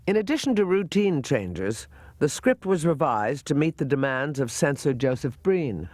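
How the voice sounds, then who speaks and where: A man reads documentary narration in a measured, informative way. His voice sits a little high. The recording is close and dry. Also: very animated, a little mellow, no echo. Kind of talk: scripted narration.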